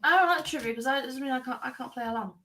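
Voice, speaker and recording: A woman with a high-set voice co-hosts a relaxed live-stream chat. She is blunt and openly exasperated, swearing freely. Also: racing. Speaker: podcast co-host.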